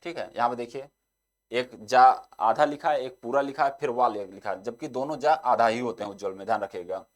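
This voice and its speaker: A young male teacher takes students through an exam-prep lesson at a mid pitch. He keeps coming back to the same short filler. When he reads an example sentence aloud, he slows it down.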